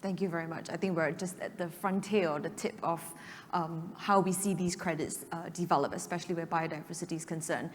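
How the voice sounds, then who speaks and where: A woman's voice: fairly low pitch, fairly even intonation, a little fast. A woman moderating a conference panel, thanking speakers and passing the floor along politely. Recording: distant mic in reverberant hall, faint hum.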